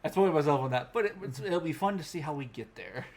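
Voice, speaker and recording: A man co-hosts a podcast, chatting informally about anime and acting out reactions as he speaks. His voice is fairly high and a little mellow, with lively intonation and a fast pace.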